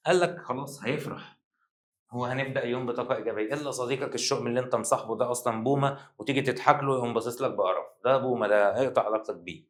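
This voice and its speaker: Young Egyptian male teacher, rapid and joking, mid-pitched voice, reverberant room. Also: fairly even intonation. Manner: playful, teasing, rapid colloquial banter. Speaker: Arabic teacher. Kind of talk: joking exam-prep lesson. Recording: echoey room.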